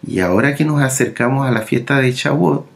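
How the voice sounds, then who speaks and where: A man preaching a sermon, speaking slowly and haltingly, with many fillers and repeated words. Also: mid-range voice, gravelly.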